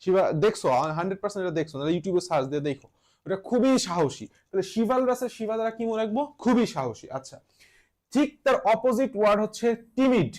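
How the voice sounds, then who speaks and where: A man leads a casual online vocabulary lesson in a fairly high voice. He keeps asking what a word means and then answering it himself, so each point gets repeated. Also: big pitch swings, fast, darkish tone. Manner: casual, repeats key words as questions and answers. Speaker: teacher.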